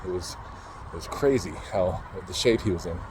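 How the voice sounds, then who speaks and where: A motivational speaker with a low-sitting voice tells a painful personal story, halting and emotional, casually swearing and restarting sentences as he goes. The background is noisy.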